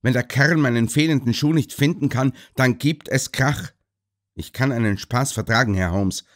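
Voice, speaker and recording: A man doing a furious blustering gentleman. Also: fairly low pitch, animated, a little slow. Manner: shouting, broad country dialect.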